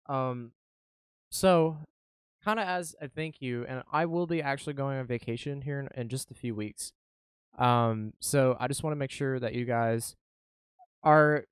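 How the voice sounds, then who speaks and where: A man's voice: medium pitch, no room sound. Eager, rambling young-sounding male vlogger. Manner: eager, rambling, self-correcting. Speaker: YouTuber. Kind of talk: casual vlog chat.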